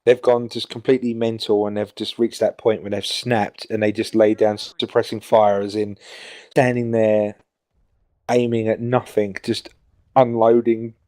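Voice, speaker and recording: A man's voice: on the low side, little pitch movement, normal speed, dark tone, dry recording. A British man co-hosting a gaming show, chatting casually in a rambling, teasing way. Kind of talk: casual banter over gameplay.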